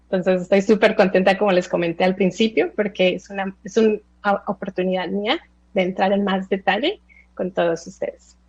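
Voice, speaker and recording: A Colombian-born woman of about forty, raised in the United States, giving a relaxed, chatty talk with many filler sounds. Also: mid-range voice, moderate pace, slightly rough, dull audio. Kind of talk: online talk.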